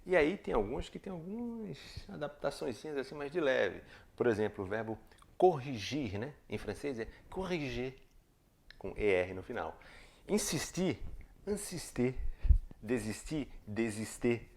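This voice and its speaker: A man with a Brazilian Portuguese accent teaching a casual video lesson, chatty and lively, repeating each word for practice. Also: mid-range voice, a little slow, creaky. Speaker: French teacher.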